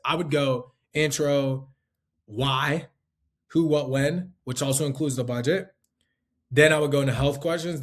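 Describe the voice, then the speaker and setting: A man teaching life insurance sales in a loose, conversational way, full of fillers and tag questions. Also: mid-range voice. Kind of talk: casual instructional talk.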